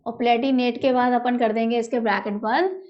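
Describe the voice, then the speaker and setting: Lady teacher, pretty high voice, keeps asking then answering herself, repeats terms over and over. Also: fairly even intonation, a little fast, dull audio. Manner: calls students "beta", repeats key words, asks and answers her own questions. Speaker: chemistry teacher. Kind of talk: whiteboard lesson, explaining step by step.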